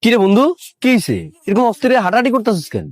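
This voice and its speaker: A young man talks very fast in a strikingly high, lively voice, teasing his friend in slangy banter. The sound is dry, a drama. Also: no room sound. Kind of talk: Bangla TV drama acting.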